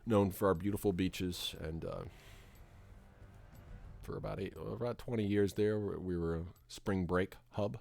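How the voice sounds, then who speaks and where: A man's voice: low voice, unhurried, vocal fry, a little mellow, soft background music. A middle-aged man from Florida chatting casually on a game stream, rambling with lots of restarts and fillers. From Florida, USA. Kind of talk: casual chat while gaming.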